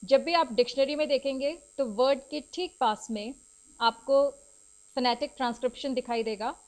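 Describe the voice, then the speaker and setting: A woman with an Indian English accent teaching in a recorded video lecture, explaining in Hindi and slow English with repetition. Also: high-pitched, rough recording. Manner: switches between Hindi and slowly spoken English.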